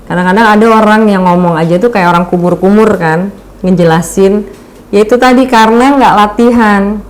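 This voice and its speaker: A woman's voice: mid-range voice, brisk. A woman giving a casual webinar talk on presentation skills, chatty and full of fillers, often acting out little examples. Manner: chatty, uses many fillers and acts out examples.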